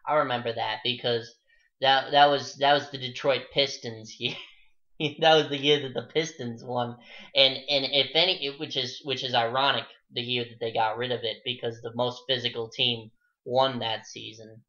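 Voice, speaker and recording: A man co-hosting a casual sports podcast, talking fast and heating up into an exasperated rant. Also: medium pitch. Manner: animated, rising to an exasperated rant. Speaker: podcast co-host. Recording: dull lo-fi podcast audio.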